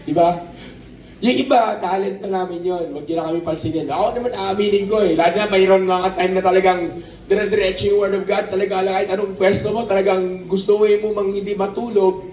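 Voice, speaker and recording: A man preaching a lively sermon at a camp, asking the crowd questions and calling for amens. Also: high-pitched, fast talker, a little hiss or hum. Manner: animated, asks the crowd questions, calls for amens. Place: outdoor camp. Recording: roomy, distant outdoor sermon recording with faint ambience.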